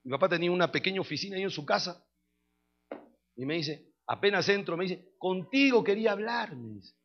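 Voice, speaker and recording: A man's voice: on the high side, animated, a little fast. A man preaching a sermon, telling a personal testimony and then leading the congregation in a repeat-after-me prayer, calling listeners brother. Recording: dull lo-fi recording with faint music.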